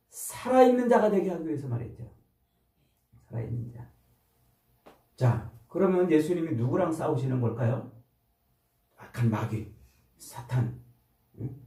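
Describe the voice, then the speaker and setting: A man's voice: mid-range voice, lively intonation, moderate pace, warm tone. A male pastor giving an expository sermon, often putting questions to his listeners and prompting them for an answer. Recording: roomy sound from a distant mic.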